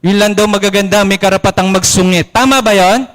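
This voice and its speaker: A man with a Filipino accent, a priest giving a sermon to an audience, animated and acting out quoted complaints in a higher voice. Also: fairly quick. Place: church or hall, in front of an audience. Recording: long reverb of a hall.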